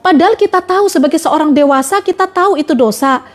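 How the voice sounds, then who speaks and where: A woman's voice: high voice, fast. A woman giving a religious talk on a live stream, asking her listeners question after question. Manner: repetitive rhetorical questioning.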